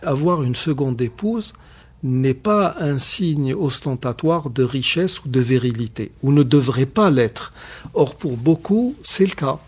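A man, hosting a radio discussion on Islam and explaining points in a measured, emphatic way. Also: medium pitch, animated, a little mellow, breathy edge. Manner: measured, emphatic, firm rebuttals, many repetitions. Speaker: radio show host on Islam.

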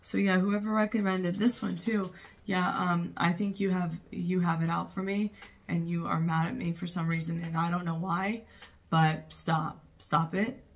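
A woman hosting a movie reaction, talking casually with loud, excitable outbursts and plenty of swearing. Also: fairly low pitch, normal speed.

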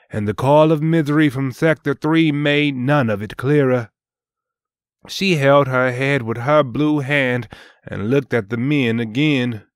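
A man hosting and narrating a dark story in a solemn, deliberate, dramatic scripted style. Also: mid-range voice, no echo, clean studio sound. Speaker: host and storyteller.

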